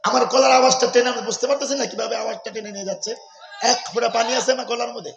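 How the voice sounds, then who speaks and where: Man, preacher, very high voice, rapid scolding, irritated and lecturing, on a stage microphone. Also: gravelly, fairly bright tone, a little hiss or hum. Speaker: Islamic preacher. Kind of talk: scolding talk from a sermon stage. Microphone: stage microphone on a big sound system.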